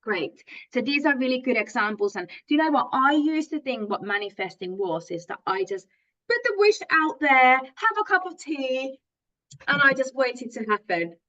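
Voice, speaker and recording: A woman's voice: high-pitched, big pitch swings, moderate pace, fairly bright tone, muffled recording. A middle-aged woman from Finland, a native Finnish speaker, giving an online coaching masterclass in an earnest, enthusiastic way, with many fillers and restarts. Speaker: positive psychology coach.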